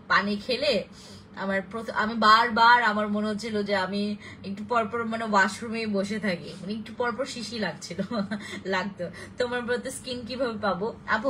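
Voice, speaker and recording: A woman's voice: medium pitch, pushed and bright, slight background noise, poor audio. A young woman with a Bangladeshi Bengali accent, chatting casually on a live stream for a skin-care brand and answering viewer comments. She rambles, with many fillers and restarts.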